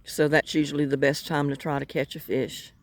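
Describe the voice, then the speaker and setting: Her voice is low and brisk, with little movement in pitch. She's an older North Carolina woman with a Southern accent, vlogging a casual, rambling chat while fishing outdoors by the water, folksy and quick to poke fun at herself.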